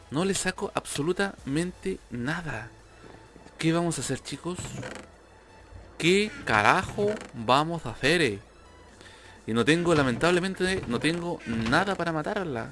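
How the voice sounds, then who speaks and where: A man's voice: on the high side, normal speed, fairly bright tone. A young man giving casual commentary over his own gameplay, talkative and prone to repeating himself when frustrated. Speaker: gamer youtuber. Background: faint background music.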